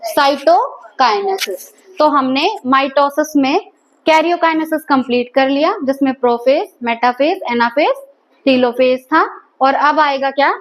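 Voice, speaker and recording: In a biology classroom lecture, a woman asks her students questions and repeats their answers back. Her voice sits high and she takes her time.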